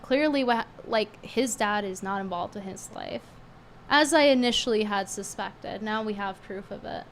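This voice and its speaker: A woman speaks in a mid-range voice at a moderate pace, her cold making the sound strained and hard to push out. She's a streamer in a casual livestream chat, bluntly and scornfully chatting while reading tips aloud. There's a little hiss or hum.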